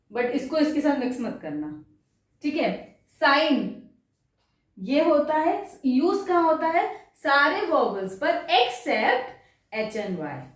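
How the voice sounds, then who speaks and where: A woman teaching a French class in a chatty way, asking her students questions as she explains. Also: high voice. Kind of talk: classroom lesson. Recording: echoey room, mic far off.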